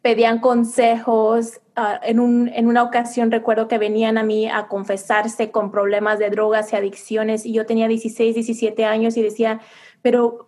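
A middle-aged woman, a psychologist and coach whose first language is Spanish, tells her personal story during a conversational interview. She comes across as earnest and reflective, often restarting her sentences. Her voice is a little high and slightly mellow.

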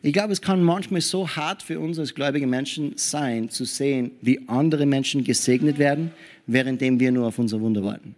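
A man preaching a sermon in an animated way, often checking in with his listeners and adding hallelujah and amen. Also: medium pitch, a little fast. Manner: animated preaching with frequent tag questions.

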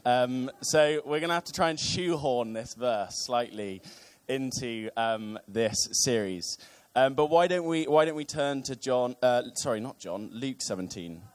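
A man's voice: medium pitch, animated, measured pace, hardly any pauses. A young man preaching a casual sermon to his church, with many ums and wry asides.

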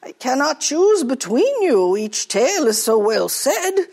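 Lady playing a cheery barkeep, rhyming, high voice. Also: sing-song, measured pace, a little mellow, heavily acted. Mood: hearty. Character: jovial tavern barkeep, a bit hapless.

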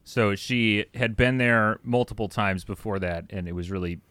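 A man's voice: fairly low pitch, normal speed, fairly bright tone, clean tone, no echo. An American man co-hosting a podcast, talking in a casual conversational way. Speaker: podcast co-host. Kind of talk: casual chat.

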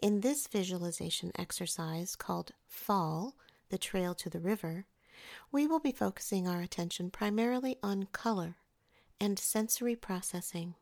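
A woman narrates a scripted guided meditation in a soothing, measured manner, softening the ends of her phrases. Her voice is medium-pitched with vocal fry.

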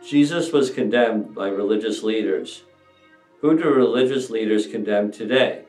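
A man reads scripture and leads prayers, solemn and reflective. His voice sits a little low and carries from a distance through an echoey room, with soft instrumental music behind. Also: moderate pace. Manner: solemn, reflective, raises voice for quoted shouts. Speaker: scripture reader leading prayers. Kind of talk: Good Friday scripture reading and prayer.

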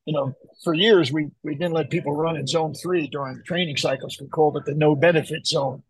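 A man's voice: fairly high pitch, fairly even intonation, fairly quick, husky, rough recording. An older man, a running coach, talking casually in an interview, rambling and repeating the starts of his phrases.

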